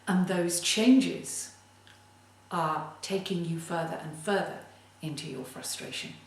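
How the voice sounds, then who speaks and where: A woman giving a motivational tip as a creativity coach, speaking in a deliberate, emphatic way. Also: on the low side. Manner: slow, deliberate, emphatic delivery. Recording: very echoey room, distant mic.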